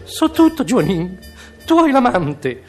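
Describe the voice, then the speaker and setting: A jealous rich wife. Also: male voice, moderate pace, faint music behind. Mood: tearful. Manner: high falsetto, sobbing and indignant. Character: tearful wealthy Milanese wife, jealous, proud. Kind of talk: radio comedy sketch.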